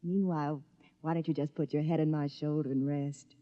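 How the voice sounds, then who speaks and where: An actress playing a doting, eager-to-please wife in a 1950s radio drama, cooing and solicitous. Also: female voice, low voice, steady tone, a little fast, no room sound, natural voice. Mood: tender, soothing. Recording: dull dry vintage radio recording.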